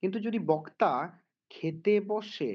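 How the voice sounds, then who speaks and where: A man's voice: sits high, a little slow, breathy edge, muffled recording. A man teaching philosophy in a conversational lecture, checking in with "right?" and acting out small everyday scenes. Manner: conversational, asks "right?" often, acts out little quoted scenes. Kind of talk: explanatory lecture with everyday examples.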